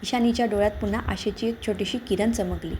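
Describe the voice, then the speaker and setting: Woman with a warm, mellow narrating voice. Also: medium pitch, a little hiss or hum. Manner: calm, measured storytelling. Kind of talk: scripted story narration.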